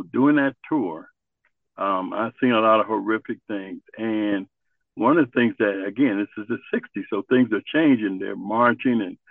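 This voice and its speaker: An older man recounts his past in an earnest, halting way, often pausing to search for words. His voice sits a little low and sounds dry and close. The sound is thin and tinny, like a phone line. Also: no echo. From Ohio, USA. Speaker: guest, Vietnam veteran. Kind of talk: reflective interview storytelling.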